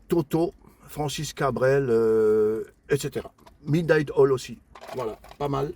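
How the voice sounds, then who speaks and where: Older man, relaxed show-and-tell vlog. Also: on the high side, a little hiss or hum. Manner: relaxed, itemizing finds one by one with frequent pauses and fillers; warm and chatty toward his viewers. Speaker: flea-market collector vlogger.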